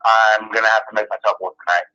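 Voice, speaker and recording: A man's voice: fairly low pitch, fairly even intonation, fast talker, sharp tone. A man talking over the phone as an interview guest, telling rambling, self-deprecating stories in a casual way. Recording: muffled phone line.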